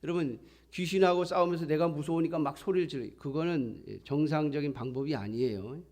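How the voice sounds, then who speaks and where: A man's voice: a little high, fairly quick, darkish tone. A middle-aged man preaching a sermon in a conversational style, sometimes acting out quoted voices. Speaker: pastor.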